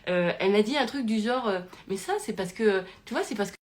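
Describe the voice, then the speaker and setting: A woman's voice: mid-range voice, a little fast. A woman hosting a live self-development talk, chatting casually with laughter and frequent restarts. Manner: animated, laughing, many restarts. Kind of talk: casual spoken monologue. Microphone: phone, live stream.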